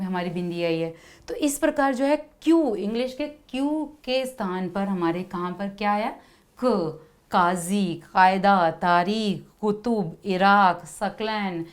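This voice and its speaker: A woman teaching young children, explaining slowly and patiently, repeating letter sounds and pausing on fillers. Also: medium pitch, a little mellow. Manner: frequent hesitation fillers. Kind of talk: Hindi lesson for children.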